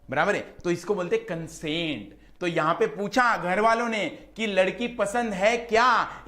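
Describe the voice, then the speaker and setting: A man's voice: high voice, fairly bright tone. A man with an Indian accent giving a classroom law lecture, chatty and checking in often with his students, mixing English terms into his talk. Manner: chatty teaching with frequent "right?" checks; mixes English terms into Hindi speech.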